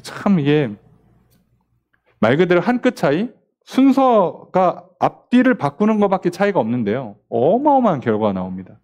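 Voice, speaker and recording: A man's voice: high-pitched, very animated, moderate pace, a little mellow. A man, a pastor, teaching a midweek Bible study in a conversational preaching style, firing off rhetorical questions and acting out little quoted exchanges.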